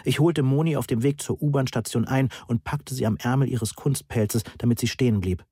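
A man reading a novel aloud in the first person in an even, measured way. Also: medium pitch, breathy edge, no room sound, studio quality. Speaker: audiobook narrator.

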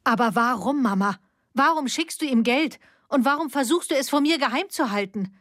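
A woman's voice: fairly high pitch, normal speed, slightly rough, voice pushed up. A woman voicing an angry grown daughter who confronts her mother with accusing questions, read as part of an audiobook story. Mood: furious.

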